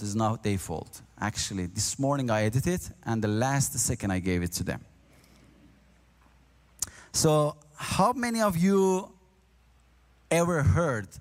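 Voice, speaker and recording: Preaching in a hall full of reverb, this man is a guest speaker from Iran close to the Turkish border, a native Azeri speaker. His mid-range voice carries earnest, halting non-native English that becomes animated as he shares his testimony.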